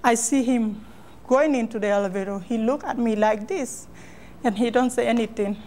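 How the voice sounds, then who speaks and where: High-voiced woman recounting an ordeal. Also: darkish tone, a little hiss or hum. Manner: halting, repeats phrases, non-native English grammar. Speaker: interviewee. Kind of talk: emotional personal account in an interview.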